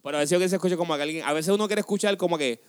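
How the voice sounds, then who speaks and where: A man's voice: on the high side, rapid-fire. A young man hosting a podcast in casual chat, rambling and mixing in English phrases. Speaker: podcast host.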